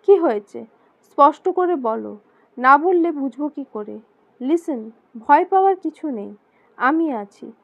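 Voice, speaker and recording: A woman voicing a caring young man who speaks soothingly and asks gently insistent questions, in a storybook reading. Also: high voice, expressive, a little slow, creaky, pauses often, heavily acted. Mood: urgent. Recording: slightly dull lo-fi recording.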